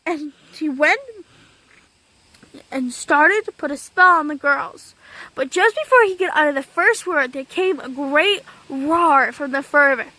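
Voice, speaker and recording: A woman telling a fairy tale in a lively, unscripted way, with small slips and repetitions. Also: sits high, a little slow, no echo, low-quality recording. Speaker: storyteller. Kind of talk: casual storytelling.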